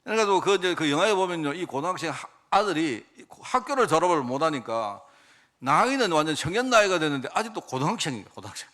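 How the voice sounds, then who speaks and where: Male pastor, animated sermon storyteller, slightly high, bright tone. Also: fast. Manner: animated, asks the congregation rhetorical questions. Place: church sanctuary.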